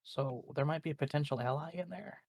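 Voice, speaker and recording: A man playing a tabletop role-playing game, chatting casually and haltingly as he thinks through his character's moves aloud. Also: a little high, vocal fry, a little mellow, no echo, studio quality.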